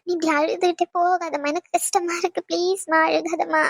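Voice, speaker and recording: A woman's voice: very high voice, level tone, a little fast, gravelly. A woman voicing an anxious, loving middle-aged mother who fusses and pleads over her pregnant daughter. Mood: pleading. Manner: pleading, fussing, repeating herself.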